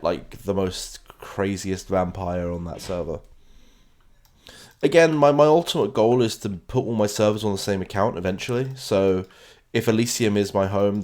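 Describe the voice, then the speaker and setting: The streamer's voice sits on the low side and has a darkish tone. He's a Londoner with a British accent, talking his way through the game in a chatty, wandering manner and answering viewers along the way.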